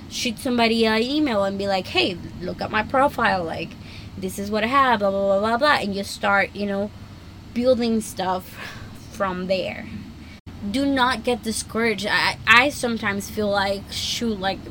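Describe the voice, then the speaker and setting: A young woman hosting a casual solo podcast, chatty and excitable, filling her talk with "like". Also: medium pitch, slight background noise, rough recording. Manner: chatty, many "like" fillers, excitable. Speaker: podcast host.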